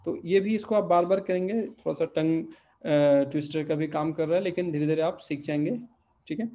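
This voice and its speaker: A man's voice: a little high, moderate pace, dark tone. A man teaching a Portuguese lesson, patiently repeating word forms and checking in with his students. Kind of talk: online language lesson.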